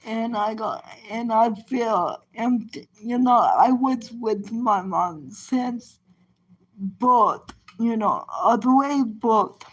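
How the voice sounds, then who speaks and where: Slow, high-voiced rambling woman storyteller. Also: low-quality recording. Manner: rambling, repeats "you know" often; halting, restarts sentences. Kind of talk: casual personal storytelling.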